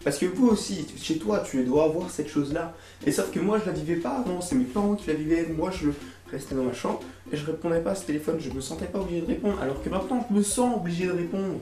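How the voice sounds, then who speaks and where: A young adult man, the host of a YouTube video, delivers a casual, comic rant to camera, exasperated and theatrical, with slangy swearing. His voice is on the high side, fast, and dark in tone, recorded with roomy echo and music underneath.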